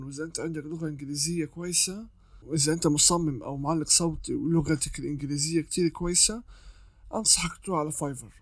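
A man's voice: on the high side, no echo. A man, an artist giving casual advice on freelancing, explaining step by step and often restarting his sentences.

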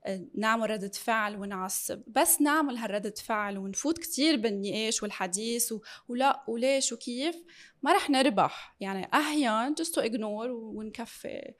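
A woman's voice: fairly high pitch, fairly quick. A woman with a Lebanese Arabic accent chatting as a panelist, emphatic and switching into English. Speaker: discussion panelist. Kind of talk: casual chat.

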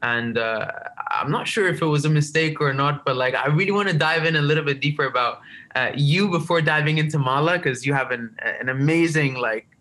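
Man as podcast host, slightly high voice, enthusiastic and rambling, remote call. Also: a little fast, pushed and bright. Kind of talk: podcast interview.

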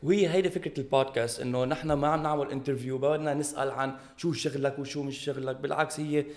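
A man's voice: mid-range voice, steady tone, very fast. A man with a Levantine Lebanese Arabic accent, chatting casually as a podcast co-host and mixing English phrases into his Arabic. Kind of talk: casual chat.

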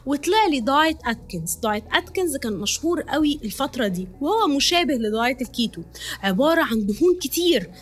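A young woman with an Egyptian accent hosting a podcast, telling her own story in an emotional, confessional way. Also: sits high. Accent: Egyptian Arabic. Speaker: podcast host, nutritionist.

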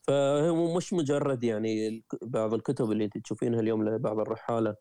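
A man with a Gulf Arabic accent speaks briskly and eagerly as a guest, often breaking off and restarting his sentences. His voice is mellow and dark in tone. He is recorded close to the mic with a dry sound. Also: medium pitch, dry recording. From Qatar. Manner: lively storyteller, frequent self-corrections and restarts. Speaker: guest, traveler and writer. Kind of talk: conversational interview.

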